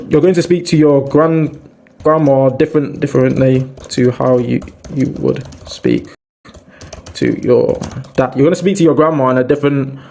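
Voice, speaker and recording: A man's voice: mid-range voice, darkish tone. Guy doing a laid-back sales training talk, lots of restarts, calls everyone boys. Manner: informal, addresses listeners as "boys", frequent restarts. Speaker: sales coach. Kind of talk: casual online training talk.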